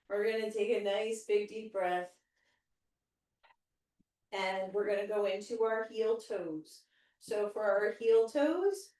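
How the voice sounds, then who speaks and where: A woman's voice: a little high, darkish tone. A woman instructing a home workout, giving encouraging cues and countdowns as an exercise instructor. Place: indoor room. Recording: very echoey room, distant microphone.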